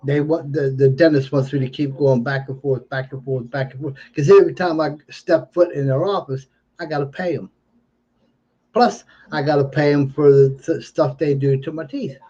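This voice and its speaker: A man's voice: fairly high pitch, steady tone, normal speed, mellow, husky. A man with the slightly slurred speech of someone without teeth, giving an emphatic, unscripted political monologue on a livestream and repeating phrases for weight. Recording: dull lo-fi stream audio.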